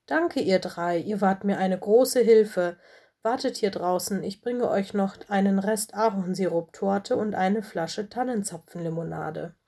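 Woman reading as a gentle fox headmistress, mellow and husky, storybook. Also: mid-range voice, measured pace. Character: fox headmistress, kind and caring.

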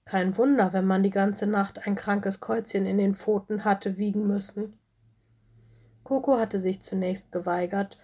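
A woman reading a children's animal story aloud as narrator, in a calm, even way. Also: medium pitch, husky.

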